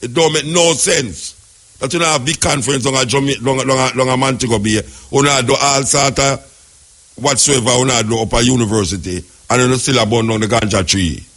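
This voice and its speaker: A man's voice: mid-range voice, a little fast, a bit bright. A man with a Jamaican accent hosting a radio call-in show, opinionated and rambling, often repeating his words. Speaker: radio talk show host.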